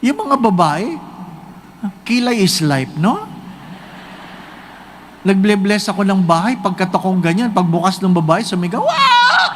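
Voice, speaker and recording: A Filipino priest giving a humorous homily, telling jokes and stories and often asking the congregation "di ba?". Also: male voice, high-pitched, animated, unhurried, pauses often, slight background noise. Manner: joking storyteller, frequent tag questions to the congregation.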